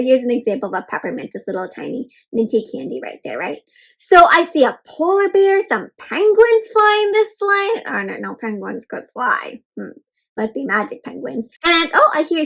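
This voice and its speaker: Reading a storybook aloud to kids, this teacher-style host has a high-pitched, fairly bright voice. She keeps it interactive, posing questions and putting words into simple explanations.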